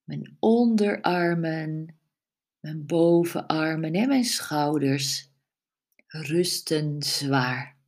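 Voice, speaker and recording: A woman leading a guided relaxation meditation, giving soft, soothing instructions with long pauses. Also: low-pitched.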